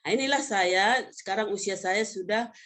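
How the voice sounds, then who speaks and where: In a webinar, a vocational education professor in her fifties from North Sumatra, Indonesia, goes over slides casually. Her delivery is conversational and halting with self-corrections, at a medium, slightly bright pitch.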